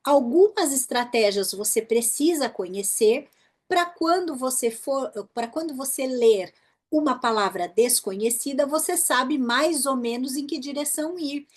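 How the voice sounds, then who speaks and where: Her voice high and expressive, a Brazilian woman leads an online English pronunciation workshop with a Brazilian Portuguese accent. Patterns get explained, words are demonstrated slowly, and she frequently checks in with whoever is listening.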